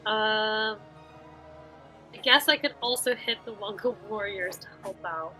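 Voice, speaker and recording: A woman's voice: medium pitch, a little slow, pushed and bright, rough recording. A woman playing a tabletop game, chatting casually and hesitantly. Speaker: player. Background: faint music.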